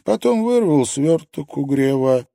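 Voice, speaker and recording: A man narrating a novel in a tense, expressive way. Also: on the high side, a little slow, creaky, no echo, clean studio sound. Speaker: audiobook narrator.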